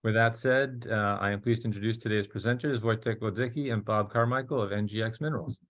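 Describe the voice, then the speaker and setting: A man moderating a webinar, reading a formal introduction at a measured pace. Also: fairly low pitch, steady tone, fairly bright tone. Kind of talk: scripted introduction.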